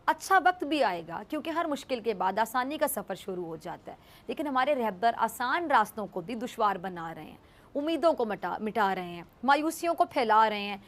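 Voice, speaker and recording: A woman delivering scripted news commentary in a formal, measured way. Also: on the high side, fairly bright tone.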